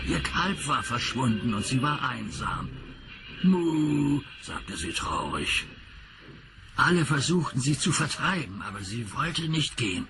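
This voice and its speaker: A man giving scripted, expressive storybook narration for a children's show. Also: medium pitch, moderate pace, hardly any pauses, noisy background.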